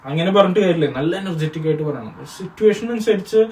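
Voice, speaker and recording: Young Malayali man, co-host, calm and lecturing, heard from a little off-mic with faint noise. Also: on the high side, quick pace, roomy sound, distant mic, low-quality recording. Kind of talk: casual Q&A chat.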